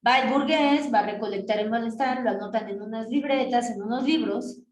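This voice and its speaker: A woman history teacher giving an animated classroom lecture, telling the story like a tale and acting out its figures. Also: a little high, brisk. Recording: echoey room with faint noise.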